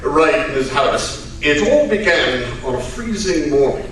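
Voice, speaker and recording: A roomy, distant recording of a man acting a genial Victorian gentleman doctor in an old-time radio play. His delivery is lively and swinging, with old-fashioned, gentlemanly turns of phrase. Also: on the high side, unhurried. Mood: genial storytelling. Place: live performance at a radio club event. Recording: roomy, distant live stage recording with hiss.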